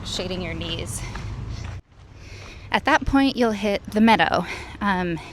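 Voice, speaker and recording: Woman, casual running vlogger, conversational mid-range voice, recorded with clear outdoor ambience and traffic noise behind her. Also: mid-range voice. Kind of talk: casual vlog narration of a run.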